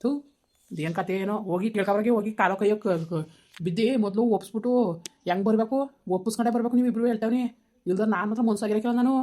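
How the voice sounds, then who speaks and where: A woman acting a quarrelsome rural woman in a family feud, scolding and cursing in a rapid-fire stream. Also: mid-range voice, mellow, natural voice. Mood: quarrelling. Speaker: actor in a village family skit. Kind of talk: amateur comedy skit acting.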